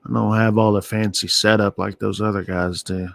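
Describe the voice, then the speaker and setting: A man giving casual live weather radar commentary as an amateur streamer, thinking aloud in short, halting phrases. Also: fairly low pitch, level tone, gravelly, dry recording. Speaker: amateur storm-watching livestream host.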